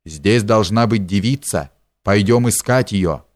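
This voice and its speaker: A man's voice: on the low side, a little slow, lightly acted. A man voicing a stern young prince. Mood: weary. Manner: stern, commanding delivery. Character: young prince, angry then worn out.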